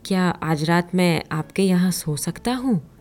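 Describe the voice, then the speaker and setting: A scheming male thief from a storybook tale, greedy and easily fooled, played by a woman narrator. He talks in a slow, sly, mellow way. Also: on the low side, lively intonation, faint music behind.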